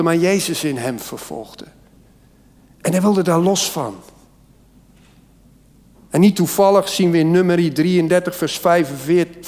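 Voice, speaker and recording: A man preaching with fervent, rising emphasis, his voice sitting a little high for a man. The sound rings out in a church hall with a long reverb tail. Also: darkish tone. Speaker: pastor. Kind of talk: sermon.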